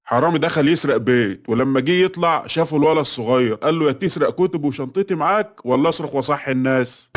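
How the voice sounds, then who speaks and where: A man with an Egyptian Arabic accent rattles off one-liner jokes at a quick clip, in a flat, scripted read. His voice sits at an ordinary middle pitch, close to the mic. Loud music plays under the voice-over. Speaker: joke teller. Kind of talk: scripted joke reading.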